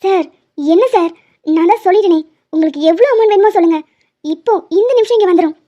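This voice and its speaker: A woman plays a scheming hospital official in a cartoon drama, curt and dismissive. She speaks in a very high, mellow voice, and the recording sounds dull and lo-fi. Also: fast. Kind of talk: cartoon voice acting.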